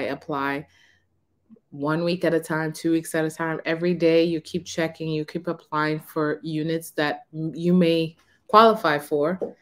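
A woman in her thirties talking frankly to camera in a casual, unhurried way from a small room. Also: deep voice. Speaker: vlogger on renting. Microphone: camera in front of her.

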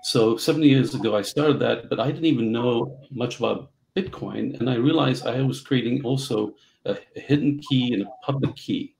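A middle-aged man from Central Africa, telling his story as a guest on a video call, halting with many fillers. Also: medium pitch, vocal fry, darkish tone, rough recording. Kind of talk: casual interview storytelling. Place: home office.

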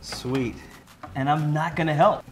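A man's voice: on the high side, steady tone, measured pace, a little hiss or hum, low-quality recording. A man in his thirties hosting a cooking show, giving upbeat step-by-step directions to a guest in a home studio kitchen. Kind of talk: instructing a guest while cooking.

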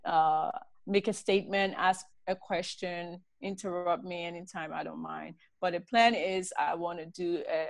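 A woman's voice: fairly low pitch, vocal fry, no echo. Tired woman speaking over a video call. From Liberia. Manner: relaxed, chatty, laughs often. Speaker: guest speaker. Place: home study with bookshelves. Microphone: laptop video call.

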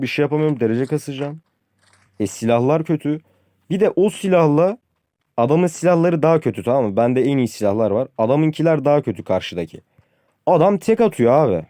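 A young gaming YouTuber with a slightly high, warm voice gives casual gameplay commentary, frustrated and ranting at length about weak weapons and losing matches. He addresses viewers as friends and often says "abi." The studio-quality recording has no echo.

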